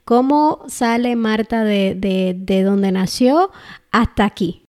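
Mellow-voiced female interview host. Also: medium pitch, takes it slowly. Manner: curious, asks layered questions. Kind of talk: casual interview chat.

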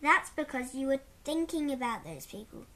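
A woman's voice: high-pitched, very animated, moderate pace, a bit bright. A woman voicing a lazy, wry male dragon in a storybook, in an unbothered, teasing way. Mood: drowsy, wry.

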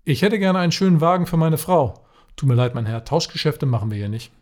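With a quick pace, lively intonation, and a fairly high, darkish voice, a male podcast co-host reads out jokes in a casual conversation. He often can't get through them without laughing.

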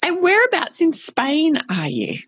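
A woman's voice: high voice, wildly swooping pitch, a little slow, a bit bright, no room sound. A woman hosting a podcast interview, asking thoughtful, meandering questions in a conversational way. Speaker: podcast host.

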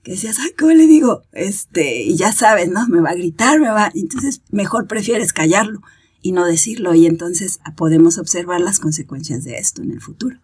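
A woman's voice: lowish voice, normal speed, husky. A woman, a parenting expert explaining her ideas in a podcast conversation and acting out examples in quoted voices.

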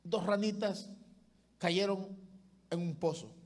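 A man preaching a sermon as pastor, impassioned, swinging between loud calls and hushed asides. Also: high voice, steady tone, takes it slowly.

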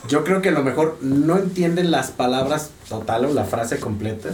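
A man offers his view slowly and haltingly, with frequent pauses. He sits far from the mic in an echoey room, with faint noise in the background. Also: mid-range voice, a little mellow. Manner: hesitant, halting. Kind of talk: casual podcast chat.

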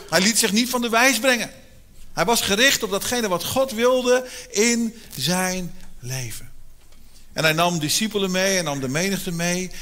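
A man preaches a Sunday sermon in a church, retelling a Bible story with lively storytelling energy. His voice sits high and sounds bright and sharp.

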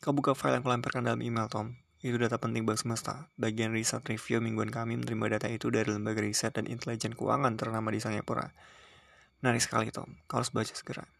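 An anxious woman colleague presses her point in a storybook reading, read by a man. The delivery is quick and gravelly, worried and insistent. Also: medium pitch, level tone, a bit bright, dry recording.

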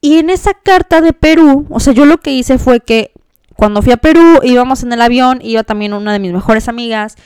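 A Mexican woman hosting a podcast, telling a personal story in a chatty, expressive way with many fillers. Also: on the high side, brisk, clean tone, no room sound. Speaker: podcast host. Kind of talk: casual storytelling monologue.

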